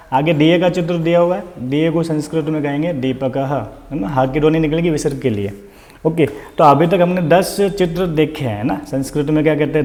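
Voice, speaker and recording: Patient, mellow-voiced man teaching Sanskrit. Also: on the high side. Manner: patient, repetitive, quizzing the listener. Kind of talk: online vocabulary lesson.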